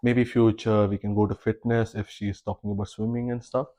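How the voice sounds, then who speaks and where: Young male podcast host, low voice, rambling and teasing; casual chat. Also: flat delivery, a little fast, warm tone. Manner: rambling, teasing, many fillers.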